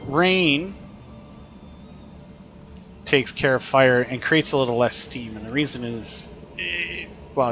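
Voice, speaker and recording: A man teaching while he plays a video game, explaining what happens in a chatty way and thinking aloud. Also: mid-range voice. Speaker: teacher streaming gameplay. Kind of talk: casual gameplay commentary.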